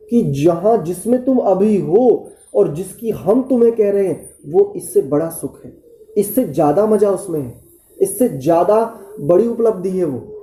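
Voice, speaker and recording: A man's voice: high voice, warm tone, roomy sound. A man giving a devotional teaching discourse on scripture, earnest and posing rhetorical questions to his listeners.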